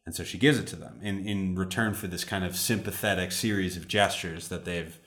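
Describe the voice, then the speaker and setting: Low-voiced man in a roomy echo. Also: a little fast, fairly bright tone. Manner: thoughtful, adds context, frequent "like". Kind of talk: casual conversation explaining mythology.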